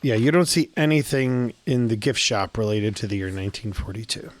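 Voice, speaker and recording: A man's voice: fairly low pitch, animated, fairly quick, no room sound. A man running a tabletop game as game master, narrating casually in a joking, rambling way. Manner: joking, rambling with many hedges.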